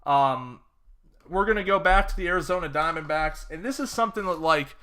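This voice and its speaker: A man's voice: fairly high pitch, fairly quick, pushed and bright. A young man casually breaking down fantasy baseball picks, chatty and rambling with fillers and sarcastic asides. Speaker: fantasy sports analyst. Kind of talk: casual solo sports-betting breakdown.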